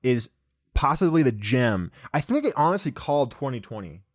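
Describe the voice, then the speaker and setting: A man's voice: medium pitch, very animated, moderate pace, no room sound, studio quality. A young man co-hosting a casual podcast chat, joking, swearing and laughing often. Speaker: podcast co-host.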